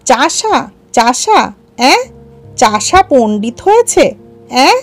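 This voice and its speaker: A woman reading a story aloud voices a drunk, sneering village gentleman with slurred speech. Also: high voice, big pitch swings, takes it slowly, faint music behind, heavily acted. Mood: mocking laughter. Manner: mocking, taunting.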